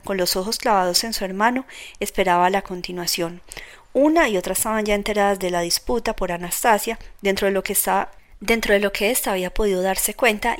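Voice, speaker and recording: Woman reading a novel aloud. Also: mid-range voice. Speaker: audiobook narrator. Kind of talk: scripted narration.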